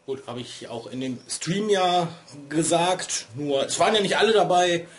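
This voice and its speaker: A man in his thirties, a vlogger and streamer, rambles casually from a small LED-strip-lit room at home, chatty, digressive and poking fun at himself. His voice is on the high side and expressive, at a moderate pace, slightly stuffy from a cold, with a little hiss or hum.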